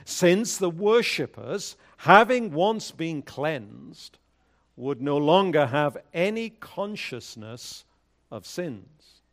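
A man speaking at a pulpit microphone, a pastor leading prayer and reading scripture in a measured, solemn way. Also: fairly high pitch, sing-song, fairly bright tone. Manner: measured, solemn liturgical delivery.

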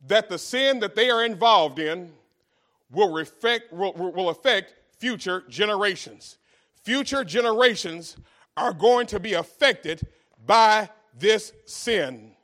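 A grandfather pastor preaching a sermon, dropping to hushed asides and then rising to shouted exhortation. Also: high voice, animated, unhurried.

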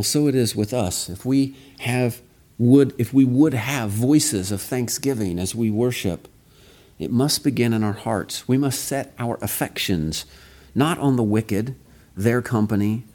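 A man preaching an expository sermon in a measured, earnest way, reading scripture and stressing key phrases. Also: fairly low pitch, a little mellow.

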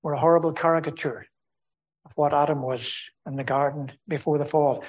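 Earnest male preacher, fairly high voice. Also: steady tone, brisk. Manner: earnest expository preaching, rising and falling emphasis. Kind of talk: sermon.

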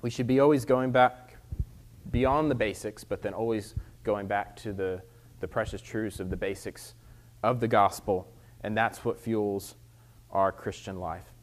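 A man preaching a sermon in a measured, earnest way, as a preacher reading scripture and teaching. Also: lowish voice, fairly even intonation, slight background noise.

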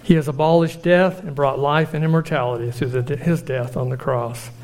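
A man preaching a sermon in an earnest, measured way, slowing down for emphatic lists. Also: a little high, steady tone, a little mellow.

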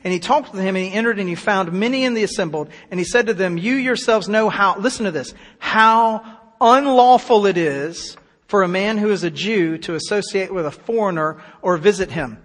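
A man preaching a sermon, reading scripture aloud and stopping to explain it with emphatic, slowed-down stresses. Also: high voice. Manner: emphatic, slows down on key words; reads scripture aloud then comments. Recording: long hall reverb.

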